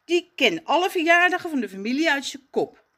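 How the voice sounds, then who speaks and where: Excitable young male storybook character, voiced by a woman, high pitch, lively swings, eager, easily flustered. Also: exaggerated voice. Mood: cheerful. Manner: eager, jumpy, quick to fluster.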